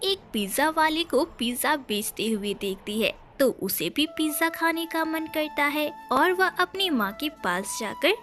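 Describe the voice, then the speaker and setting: A woman tells a cartoon story in measured storytelling narration. Her voice is very high and bright, and her pace is slow. Light music sits under her. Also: animated.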